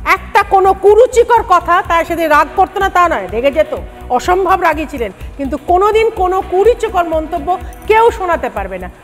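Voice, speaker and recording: High-voiced woman party spokesperson arguing. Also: big pitch swings, fairly quick, soft background music. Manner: emphatic, mixes English phrases into her speech. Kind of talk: TV panel debate argument.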